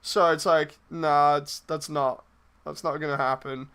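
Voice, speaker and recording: A man speaks on a livestream in a fairly high, fairly bright, clean voice, keeping a steady tone and a measured pace as he answers messages. The streamer, a project lead casting voice roles, talks casually but haltingly, rambling and often trailing off before finishing.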